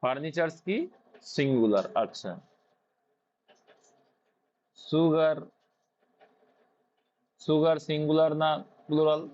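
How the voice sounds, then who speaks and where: A man's voice: a little high, slow pace, long pauses, a little mellow. A man with a Bengali accent teaching English grammar as a tutor. He asks questions and then answers them himself. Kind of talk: explaining grammar to students. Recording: dull lo-fi sound.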